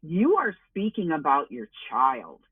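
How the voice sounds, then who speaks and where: A woman's voice: deep voice, huge pitch swings, measured pace, slightly rough, no room sound. Emphatic woman on a tinny phone line. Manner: emphatic and reassuring. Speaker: education advocate guest. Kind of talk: advice in conversation.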